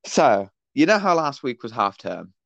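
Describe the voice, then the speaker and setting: A man's voice: medium pitch, big pitch swings, normal speed, gravelly, a bit bright, no echo, muffled recording. Teen guy telling a rambling story. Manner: rambling anecdote with many fillers. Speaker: podcast co-host. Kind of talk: casual chat, storytelling.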